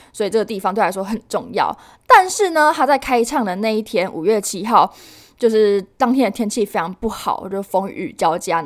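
A young woman, around nineteen, talks with a Taiwanese Mandarin accent as the host of a casual news-recap podcast. Her voice sits at a medium pitch, and she keeps a chatty flow with plenty of fillers. She leaps up in pitch whenever she wants to stress a point. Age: young adult, about 19. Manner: chatty, many fillers and frequent pitch jumps for emphasis.

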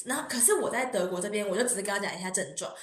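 A woman hosting a chat podcast. She leads the talk with measured, guiding questions. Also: mid-range voice. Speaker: podcast host. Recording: roomy echoey room.

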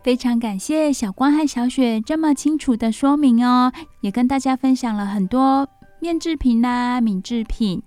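A woman's voice: a little high, normal speed, darkish tone, no echo. A woman hosting a children's radio story programme, speaking expressively and simply, as if reading to a toddler. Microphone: close studio radio microphone. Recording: music bed behind the voice. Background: music.

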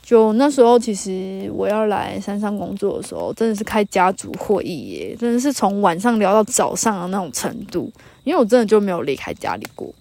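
A woman in her thirties from northern Taiwan, with a Taiwanese Mandarin accent, hosts a solo podcast from a mountain campsite beside a campfire. Her mid-range, dark-toned voice has vocal fry and swings widely in pitch as she talks briskly. She chats casually and tells anecdotes, quoting people and laughing often.

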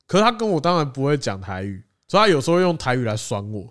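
A young man with a Taiwanese Mandarin accent, co-hosting a casual chat podcast, telling animated stories and laughing often. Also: medium pitch, fast talker. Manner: animated storyteller, acts out quoted voices, laughs often. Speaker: podcast co-host.

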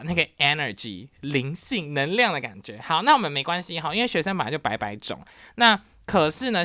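A young adult university teacher telling a story in a casual podcast, animated and dropping English words into the talk. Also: medium pitch, dry recording, clean studio sound.

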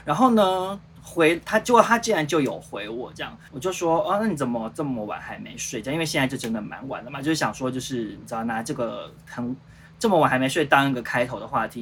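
A man's voice: mid-range voice, a little hiss or hum. A man in his thirties with a Taiwanese Mandarin accent, casually telling a story on a livestream and acting out the dialogue with lots of fillers. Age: 30s. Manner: animated, re-enacts dialogue, rambling with many fillers. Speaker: show producer and host.

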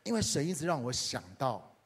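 A man's voice: fairly high pitch, brisk, husky. A man from Taiwan with a Taiwanese Mandarin accent, a pastor telling a personal story in a sermon and speaking directly to the congregation. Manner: animated, addresses the congregation directly.

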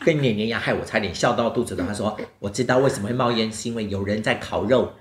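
A man's voice: on the low side, fast talker, roomy sound, a little hiss or hum. A man telling a children's story as the host, playful and laughing, asking the children questions.

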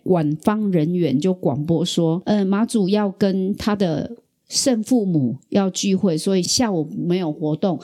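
A middle-aged woman from Taiwan hosting a podcast, telling a personal story in a lively, chatty way. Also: fairly low pitch. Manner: animated storyteller, acts out quoted voices. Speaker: podcast host. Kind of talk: casual storytelling.

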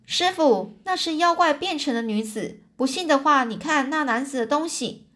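A woman voicing a bold, quick-tempered male monkey king in a children's storybook reading. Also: sits high, lively intonation, fairly bright tone, voice pushed up. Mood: insistent.

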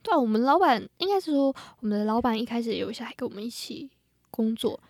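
A young adult woman with a Taiwanese Mandarin accent, chatting casually and telling things in an animated, colloquial way. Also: on the high side, fast, dry recording, studio quality. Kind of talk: casual chat.

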